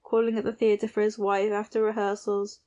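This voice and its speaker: Reading literary fiction at normal speed, a female audiobook narrator uses a middle pitch and an even, restrained intonation. The audio sounds dull.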